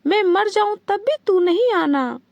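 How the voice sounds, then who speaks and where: A woman's voice: very high voice, expressive, measured pace, vocal fry, darkish tone, dry recording, muffled recording, voice pushed up, heavily acted. A woman voicing an angry, stubborn elderly mother-in-law in a read-aloud story, scolding in a plain reading voice.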